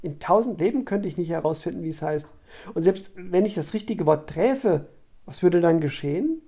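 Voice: medium pitch, expressive, moderate pace, dark tone. A reader voicing a nervous young girl who doubts herself, in a storybook reading. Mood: anxious.

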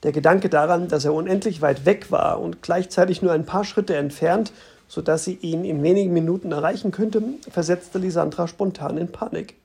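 Husky, measured audiobook narrator. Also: mid-range voice. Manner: even, measured reading. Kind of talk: audiobook reading.

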